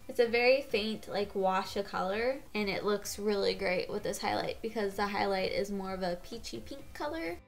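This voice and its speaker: A woman's voice: mid-range voice, moderate pace, few pauses, faint music behind. A congested woman with a cold giving a chatty makeup tutorial, gushing and getting out of breath. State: gets out of breath. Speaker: beauty vlogger.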